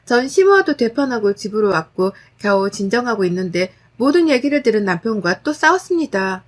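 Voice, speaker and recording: A woman with a high voice narrates a dramatic first-person story. Her delivery is blunt and firm, sharp-tongued when she argues. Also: big pitch swings, fairly quick.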